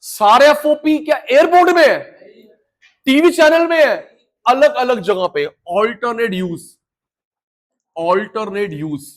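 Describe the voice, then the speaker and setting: A middle-aged man teaching an economics class live, energetic, mixing Hindi and English and drilling students with repeated call-and-response. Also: sits high. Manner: mixes Hindi and English terms.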